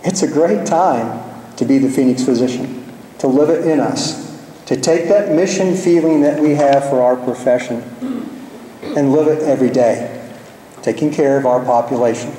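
A male physician giving a formal memorial lecture, telling stories in a measured, deliberate way. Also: mid-range voice, mellow, a little hiss or hum. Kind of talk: formal ceremonial speech with anecdotes. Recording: echoey hall, far from mic.

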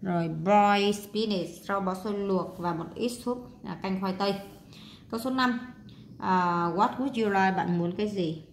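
A woman English teacher with a Vietnamese accent, working through a workbook exercise and talking as she writes, with pauses and fillers. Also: medium pitch, slight background noise. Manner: talks while writing, with pauses and fillers. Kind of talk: casual workbook walkthrough.

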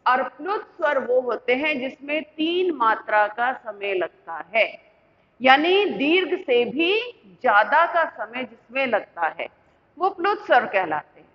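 This female school teacher has a high voice with big swings in pitch and talks a little slowly. With an Indian Hindi accent, she breaks the lesson into steps, quizzing the class and answering her own questions. Her recording is muffled lo-fi drenched in long reverb.

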